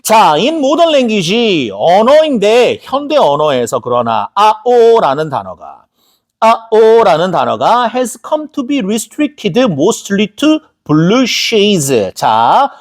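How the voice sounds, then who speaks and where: A husky male teacher gives a recorded lecture, his pitch leaping up and down as he spells out words in bouncing syllables. He chats with his students and breaks off into joking asides before drilling vocabulary again. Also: sing-song, slow pace. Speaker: English teacher. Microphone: camera recording a lecture.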